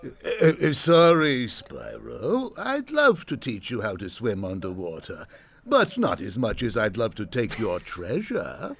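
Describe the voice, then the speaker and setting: Greedy, creaky, theatrical merchant bear. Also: male voice, on the low side, wildly swooping pitch, unhurried, soft background music, full character voice. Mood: smarmy greed. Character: greedy, smarmy male merchant bear in cartoon game. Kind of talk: video game character acting.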